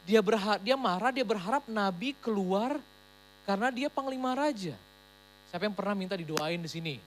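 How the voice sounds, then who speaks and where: A woman's voice: mid-range voice, moderate pace, a little hiss or hum, low-quality recording. Emphatic woman pastor preaching. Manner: lively, emphatic preaching mixed with English phrases. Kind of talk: sermon. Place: church service.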